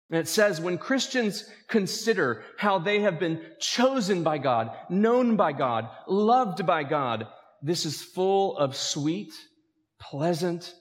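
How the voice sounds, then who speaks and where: In a large hall, a man with a slightly high voice preaches a sermon as a pastor. His delivery is lively, and he calls out questions to his congregation.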